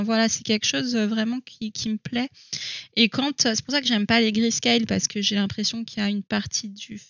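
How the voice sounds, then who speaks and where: A woman's voice: mid-range voice, no room sound, lo-fi sound. A woman chatting casually to camera at home about her coloring books, thinking aloud and hesitating with many fillers. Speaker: coloring hobby vlogger.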